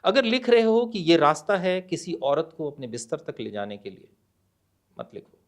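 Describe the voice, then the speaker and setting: A middle-aged man, a guest author on a podcast, speaking in a measured, deliberate way and mixing Hindi and English, with hesitant pauses. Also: on the high side, sing-song. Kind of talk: podcast interview, reading a poem aloud.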